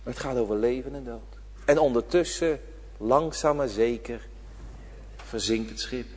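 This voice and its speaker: A man preaching a sermon, impassioned, swinging from loud appeals to hushed whispers, in a church. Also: medium pitch, moderate pace, breathy edge. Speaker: pastor. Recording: reverberant church hall.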